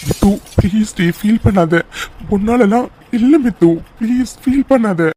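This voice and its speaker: Someone doing a soft, reassuring young husband. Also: mid-range voice, unhurried, lightly acted. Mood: comforting. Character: young husband, gentle and comforting. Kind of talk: cartoon voice acting.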